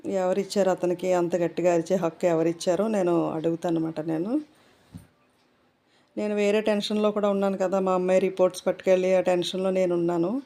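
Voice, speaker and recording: A woman's voice: fairly low pitch, level tone, a little fast, vocal fry, mellow. A middle-aged woman vlogger chatting casually to her viewers, rambling with many fillers. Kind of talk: casual chat.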